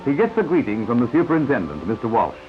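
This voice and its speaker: A man narrates an old newsreel in a confident announcer voice, his pitch rising and falling with lively swings. The sound is dull and lo-fi, like a 1950s newsreel soundtrack, with music playing clearly underneath. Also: fast. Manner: confident announcer delivery with asides to the viewer.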